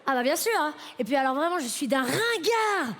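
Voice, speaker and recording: A woman in her late twenties performs stand-up on a festival stage, her voice sitting high and bright in pitch. She talks straight to the crowd in a chatty, self-mocking way. A faint murmur of the live audience hangs behind her. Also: big pitch swings, brisk, slight background noise. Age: late 20s. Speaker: stand-up comedian. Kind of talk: stand-up comedy set.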